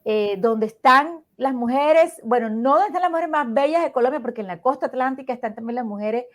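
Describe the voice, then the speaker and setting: A woman's voice: high-pitched, a little fast. A woman hosting a podcast interview, effusive and repeating her words for emphasis. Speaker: podcast host and advocate for abuse survivors.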